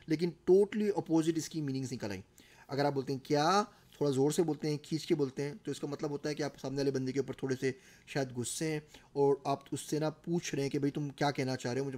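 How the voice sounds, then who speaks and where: A man's voice: fairly high pitch, dark tone. A middle-aged man with a Pakistani Urdu accent giving a recorded course lecture, explaining ideas through everyday examples.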